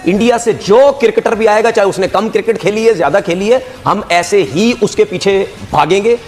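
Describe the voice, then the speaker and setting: A man's voice: high voice, fairly quick, darkish tone, soft background music. A man on a talk show, scornful and questioning as he criticizes. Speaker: commentator.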